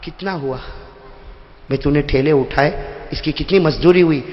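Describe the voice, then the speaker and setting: A male preacher voicing a frail, tender old woman in a sermon story, speaking in a soft, trembling, motherly plea. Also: a little high, dull audio, a little hiss or hum, voice pushed down, natural voice. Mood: pleading. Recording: echoey hall with long reverb.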